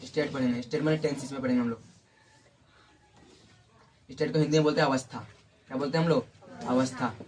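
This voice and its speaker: A man's voice: medium pitch, fairly even intonation, fast talker, pauses often, a little mellow, a little hiss or hum. A man teaching an English lesson in a classroom, repeating key words and checking in with students constantly.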